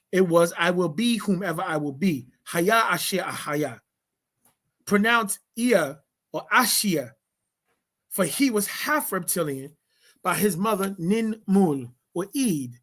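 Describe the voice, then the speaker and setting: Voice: mid-range voice, expressive, a bit bright. A reader leading a study session, reading passages aloud and then explaining them in casual speech. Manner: slow, deliberate delivery. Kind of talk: reading a text aloud with commentary.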